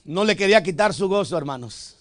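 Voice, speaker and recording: A man with a high voice preaches from a church pulpit. He shifts between fervent, loud declarations and soft, joking asides, and keeps addressing the congregation as his brothers. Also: animated, a little fast, dry recording. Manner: calls out "hermano" to the congregation. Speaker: pastor. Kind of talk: Spanish sermon. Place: church sanctuary.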